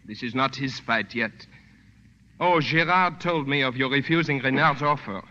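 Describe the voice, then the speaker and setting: An actor playing an earnest French resistance man in a 1940s radio drama, formal, measured and courteous. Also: medium pitch, bright, forceful tone, lightly acted. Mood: earnest, dignified. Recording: dull old radio recording.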